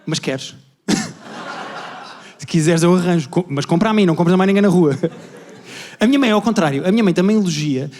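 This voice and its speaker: Fast-talking Portuguese stand-up comedian. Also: male voice, high-pitched. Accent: European Portuguese. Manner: rapid, animated storytelling, acting out family members. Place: large indoor venue with a live audience. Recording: long hall reverb from a live venue.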